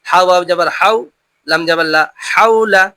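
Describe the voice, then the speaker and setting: A Quran reading teacher giving a patient lesson, drilling pronunciation call-and-response, often repeating questions and slowing down to model each word. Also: mid-range voice, pushed and bright, no echo.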